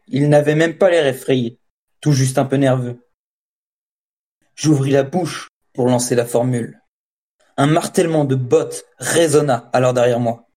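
A man reading a first-person story as an audiobook narrator, in a measured, steady storytelling voice. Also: medium pitch. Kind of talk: scripted narration.

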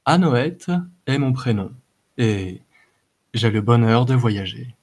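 In an audiobook, a man with a slow, mid-range, darkish voice performs a character: a dainty, courteous wandering minstrel. He gives the fussy minstrel a prim, flowery manner.

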